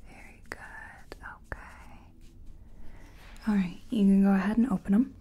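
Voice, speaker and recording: The audio is dull as a woman with a steady, mid-range voice plays a friendly, self-taught makeup competition contestant in a personal attention ASMR role-play. Breathy and whispery, she stays gentle, chatty, reassuring, and unhurried.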